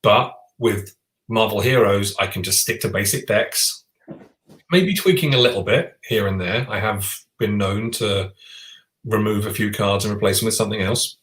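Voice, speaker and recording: A man's voice: fairly low pitch, moderate pace, fairly bright tone. A man co-hosting a podcast, chatting enthusiastically about board games with lots of restarts. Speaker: podcast co-host. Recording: roomy echo.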